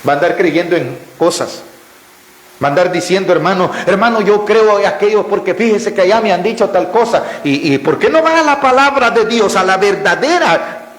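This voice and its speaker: A man preaching at a church Bible study, asking the congregation rhetorical questions and answering them himself, calling them brother and praising God between points. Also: a little high. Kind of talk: sermon-style Bible teaching. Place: church hall, indoors. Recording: echoey church hall with long reverb.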